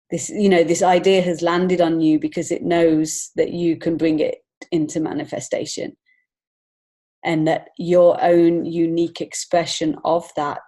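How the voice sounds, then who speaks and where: Here the children's author and illustrator sounds warm, her voice on the low side. As a podcast interview guest she responds in a conversational, sincere and reflective manner, offering encouragement.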